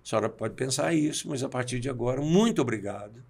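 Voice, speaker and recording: A man's voice: mid-range voice, lively intonation, fast talker, vocal fry, a little mellow, breathy edge. Reflective Brazilian man in his sixties. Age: 60s. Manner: reflective, acts out quoted dialogue. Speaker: guest. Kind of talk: storytelling in a conversation.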